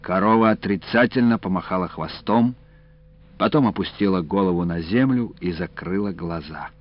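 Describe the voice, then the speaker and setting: A man narrating a story in a measured, expressive reading. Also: deep voice. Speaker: audiobook narrator. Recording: dull, dry lo-fi audiobook recording.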